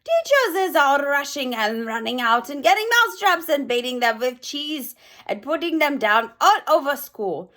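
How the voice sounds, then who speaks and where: A woman voicing a gloating, evil old witch queen in a read-aloud children's book, shouting with broken grammar. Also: high voice, pitched above the performer's own voice, full character voice.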